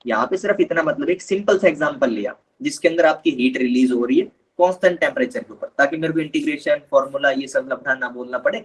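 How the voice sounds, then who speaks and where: A man's voice: mid-range voice, quick pace, hardly any pauses, breathy edge, low-quality recording. A man teaching a live online chemistry lesson, patiently explaining step by step and calling his students kids.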